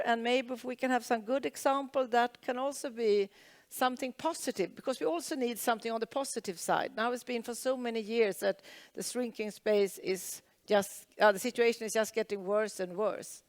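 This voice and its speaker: Panelist, woman: earnest, hopeful, fairly high voice, dry close sound. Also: moderate pace, no echo. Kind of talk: panel discussion.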